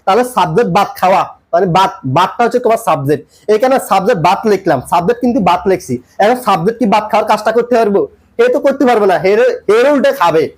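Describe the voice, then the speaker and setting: A man's voice: high-pitched, expressive, racing. A man teaching English grammar in a tutorial lesson, repeating points and quizzing the viewer with questions as he explains.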